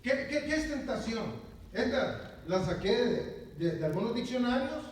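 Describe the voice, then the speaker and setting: A man's voice: very high-pitched, very animated, normal speed. A man, a pastor giving a conversational sermon who repeats words and keeps asking his listeners "right?". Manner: conversational, repeats words, often asks "¿verdad?". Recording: very echoey, distant, faint noise.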